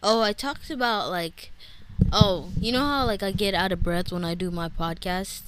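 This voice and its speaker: A woman's voice: medium pitch, moderate pace, background noise. Young woman, solo podcast host, winded, scattered chatty delivery. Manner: scattered, many fillers and restarts. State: out of breath. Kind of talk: rambling solo podcast chat.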